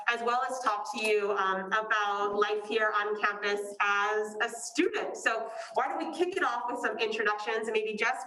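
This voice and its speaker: A woman's voice: on the high side, pushed and bright. A woman hosting a virtual open house for a school, talking with fillers and introducing students. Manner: friendly, hesitant with fillers. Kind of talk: hosting a webinar. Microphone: video call. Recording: echoey room, faint noise.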